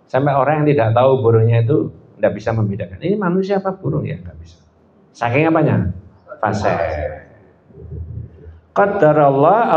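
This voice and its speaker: A man with a Surabaya accent preaching a sermon, animated, quizzing his listeners with questions. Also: a little high, a little hiss or hum. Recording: echoey lo-fi hall.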